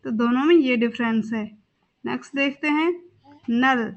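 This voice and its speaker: A woman's voice: on the high side, moderate pace, dull audio. A young woman teaching a vocabulary lesson. She says each word twice and spells words out letter by letter. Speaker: English teacher.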